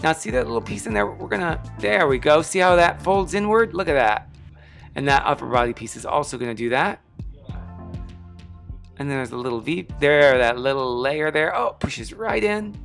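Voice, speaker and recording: A man's voice: fairly high pitch, animated, moderate pace, gravelly, a bit bright. A man hosting a casual step-by-step craft tutorial, chatty and enthusiastic, with slightly impeded articulation from a sore tongue. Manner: chatty, enthusiastic, self-deprecating. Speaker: craft lesson host. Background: background music.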